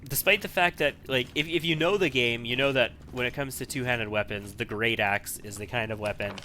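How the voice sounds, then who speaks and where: Male let's player, bright mid-pitched voice, casual and analytical, faint noise behind. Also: brisk. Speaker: video game let's player. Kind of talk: casual gameplay commentary.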